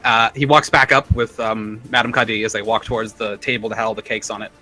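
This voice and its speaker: A man's voice: on the low side, level tone, fast, pushed and bright, low-quality recording. A man narrating a tabletop role-playing game as game master, in conversational phrases. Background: background music.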